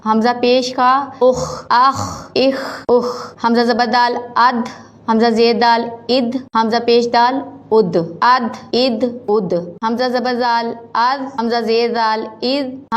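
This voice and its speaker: High-voiced woman drilling recitation syllables. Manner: measured, drawn-out drilling of letter sounds. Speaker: Quran reading teacher. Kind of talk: slow syllable-by-syllable recitation lesson. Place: school.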